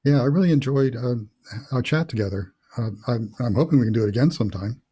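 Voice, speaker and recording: A man's voice: medium pitch, animated, fast, dark tone, slightly rough. A middle-aged man, an author hosting a casual interview over a video call, thinking aloud with many fillers. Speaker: author and host.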